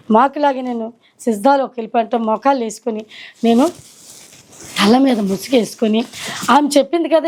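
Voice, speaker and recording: A middle-aged woman sharing her personal faith testimony at home, earnest and reflective, pausing and slowing as she recalls. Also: high voice, mellow. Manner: earnest, reflective storytelling with slow hesitations. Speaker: testimony speaker. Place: indoors at her own home.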